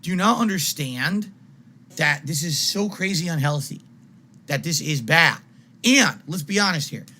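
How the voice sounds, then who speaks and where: Bright-voiced man in an unhinged rant. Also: a little high, animated, measured pace. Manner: wild, unhinged ranting, exasperated and confrontational; swears, emphatic and repetitive. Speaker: video game live streamer. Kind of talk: angry rant on a live stream.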